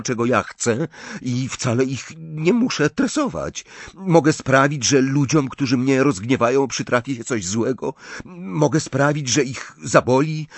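A man's voice: mid-range voice, husky, no echo, voice pushed up, full character voice. A man voicing a suspicious, commanding eleven-year-old orphan boy who flares into rage. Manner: imperious, quick to rage, hissing when awed.

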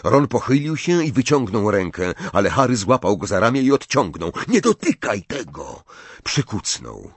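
A man reading a story aloud as an audiobook narrator, in an expressive, dramatic way. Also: on the low side, moderate pace, hardly any pauses, no echo. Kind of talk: scripted narration.

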